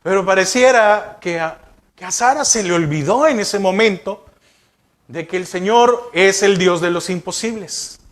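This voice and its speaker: A man's voice: sits high, measured pace. A male pastor preaching a sermon, asking the congregation rhetorical questions.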